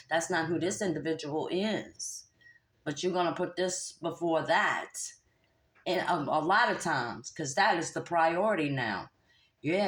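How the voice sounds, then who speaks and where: A woman giving a casual tarot reading, sassy and scolding, talking straight to the listener and laughing along. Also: sits low. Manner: animated, laughs and hums disapproving "mm-mm-mm". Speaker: tarot reader.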